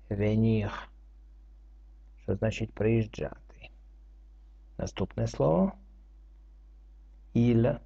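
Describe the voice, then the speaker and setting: A man teaching French reading, going through it slowly word by word and spelling out letters and rules. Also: mid-range voice, gravelly, mellow, slightly rough. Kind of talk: slow word-by-word reading lesson. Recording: dull lo-fi recording.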